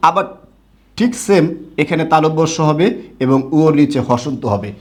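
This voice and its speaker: A man's voice: a little high, expressive, normal speed. A man with a Bangladeshi Bengali accent teaching Bangla grammar in an online lesson, repeating key words and asking rhetorical questions.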